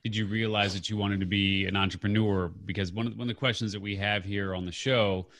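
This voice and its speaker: A man's voice: on the low side, steady tone, fast talker, a bit bright. A man hosting an interview, asking questions in a rambling way with fillers and backtracking. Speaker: podcast host. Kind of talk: conversational interview.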